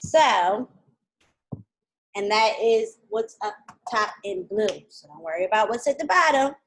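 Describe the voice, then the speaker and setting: A woman teaching a live online kindergarten lesson, patient and clear, speaking slowly to young children over a video call. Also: mid-range voice, expressive, rough recording.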